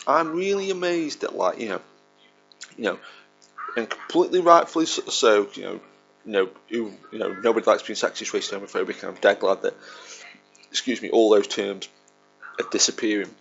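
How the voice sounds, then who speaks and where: A man's voice: lowish voice, brisk, gravelly, pauses often, a bit bright, soft background music. A man in his thirties hosting a casual fan commentary, chatty and rambling as he talks over a film. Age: 30s. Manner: rambling and chatty, laughs along. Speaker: podcast host. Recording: dull lo-fi recording with faint film soundtrack.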